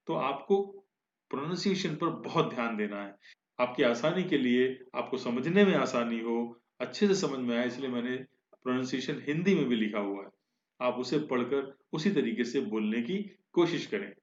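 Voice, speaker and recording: Slow, deliberate male vocabulary teacher. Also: medium pitch, echoey room, highs cut off. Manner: slow, deliberate example sentences. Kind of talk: vocabulary lesson explaining in Hindi.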